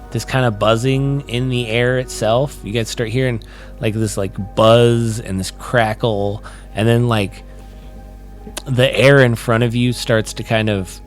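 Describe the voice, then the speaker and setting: A man narrating a tabletop game as game master, describing scenes with many pauses and restarts. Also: medium pitch. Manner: rambling, searching for words with many likes and restarts.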